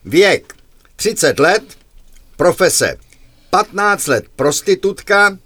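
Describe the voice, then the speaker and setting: A man telling jokes on a radio comedy segment in a lively, chuckling way. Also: sits high, dry recording. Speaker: radio joke teller.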